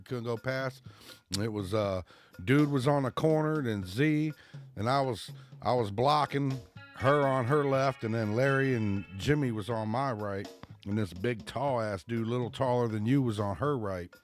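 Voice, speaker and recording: A man co-hosting a casual podcast, a rambling storyteller who laughs often and shouts out the lines he quotes. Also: mid-range voice, normal speed, faint music behind. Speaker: podcast co-host. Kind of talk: casual chat.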